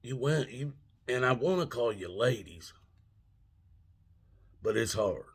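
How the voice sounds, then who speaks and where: An older man with a gravelly, husky voice delivers an old man's back-in-my-day rant to his viewers, halting, folksy and plain-spoken. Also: medium pitch, expressive. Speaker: video channel host. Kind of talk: informal monologue to viewers.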